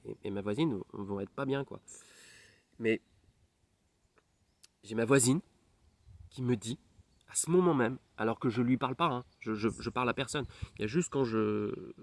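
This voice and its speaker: A man, a hypnotherapist, tells a personal story in French with many fillers and restarts, often dropping to a near whisper. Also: medium pitch. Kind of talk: personal testimony.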